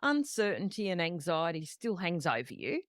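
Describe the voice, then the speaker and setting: A woman's voice: lowish voice, big pitch swings, moderate pace, dry recording, clean studio sound. A woman hosting a podcast interview, affirming and summarizing her guest's words. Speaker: podcast host. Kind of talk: supportive interview.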